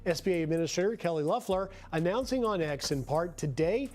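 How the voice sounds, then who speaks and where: A news reporter reads a scripted segment in an even, measured broadcast delivery at a middle pitch.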